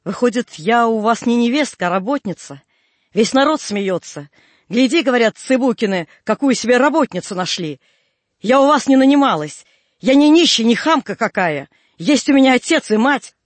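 Guy putting on a furious young peasant woman screaming, shrill and loud, dry audiobook sound. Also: fast, few pauses, dry recording, natural voice. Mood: furious shouting.

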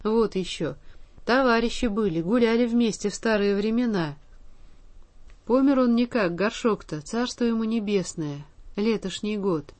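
A kindly old forester, bustling and pious, full of folksy rustic talk and cheerful fussing, as a woman reading the story puts him on. His voice sits at a middling pitch, with no gruffness added. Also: normal speed, a little mellow, lightly acted. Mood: warm.

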